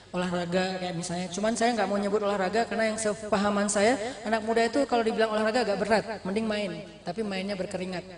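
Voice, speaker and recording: A man giving a casual, playful sermon to young people in a mosque, acting out the people in his stories. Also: sits high. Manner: playful, acts out quoted dialogue in shifting voices. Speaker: preacher. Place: large mosque hall. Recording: echoey mosque hall.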